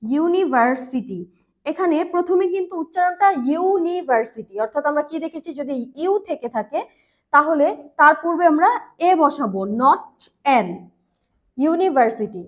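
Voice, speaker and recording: A woman teaching English grammar in a patient, repetitive way, slowing down on key words and using fillers. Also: high voice, animated. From Bangladesh. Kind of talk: grammar lesson explanation.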